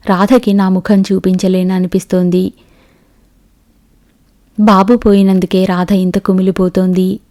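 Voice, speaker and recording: A woman reading a young doctor husband's lines in an audiobook, in a mellow voice. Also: medium pitch, lightly acted.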